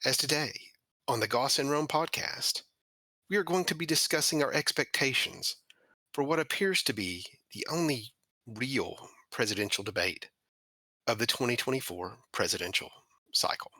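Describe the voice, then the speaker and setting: A man's voice: mid-range voice, animated, normal speed, bright, forceful tone, dry recording. A man hosting a podcast who reads a mocking scripted opening and then talks casually with his co-host. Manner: sardonic, mocking delivery.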